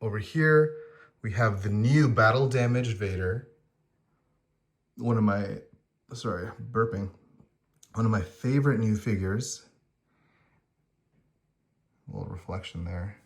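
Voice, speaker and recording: A man casually walking through his collectible figure displays, chatty and rambling, often pausing with ums and correcting himself. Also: fairly low pitch, slightly rough. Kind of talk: casual vlog walkthrough.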